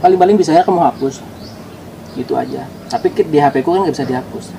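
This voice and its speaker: A man's voice: on the high side, wildly swooping pitch, quick pace, background noise. A man talking to his viewers in a casual vlog, explaining himself defensively. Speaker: YouTuber.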